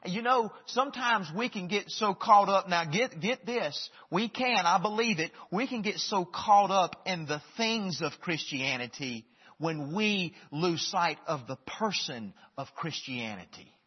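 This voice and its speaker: A man preaching in a church hall, his voice sitting a little high and slightly husky. He is emphatic, swinging from loud bursts to hushed lines and often repeating words as he restarts. The recording is dull and carries a long hall reverb. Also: animated, unhurried. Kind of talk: sermon.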